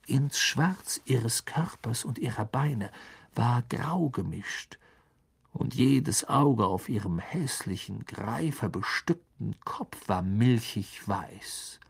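A male audiobook narrator who reads slowly in a measured, dramatic way. His voice is husky and gravelly with audible fry. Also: medium pitch, animated. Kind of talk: scripted narration.

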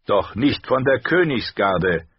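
A man's voice: on the low side, very animated, slow pace, vocal fry, husky, no echo, dull audio, voice pushed up, heavily acted. A man voicing an old, proud knight of the royal guard, defiant and strained.

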